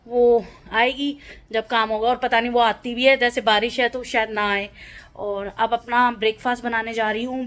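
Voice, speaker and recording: A woman's voice: on the high side, low-quality recording. A middle-aged woman from India, chatting casually to her phone camera at home as she narrates her day and talks to her dog. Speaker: vlogger. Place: home, indoors.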